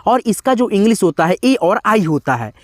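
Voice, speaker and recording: A man's voice: high voice, very animated, moderate pace, no echo, studio quality. A man teaching a step-by-step lesson, spelling words out letter by letter and often checking in with his viewers. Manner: keeps saying "friends" and "okay" to check in with viewers. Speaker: online teacher.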